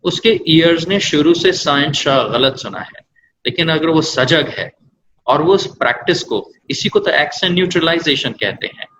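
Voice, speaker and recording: A man's voice: fairly high pitch, animated, moderate pace, fairly bright tone, a little hiss or hum, rough recording. A man working as an English language trainer, explaining patiently with examples and mixing English words into his Hindi. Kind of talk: explanatory interview answers.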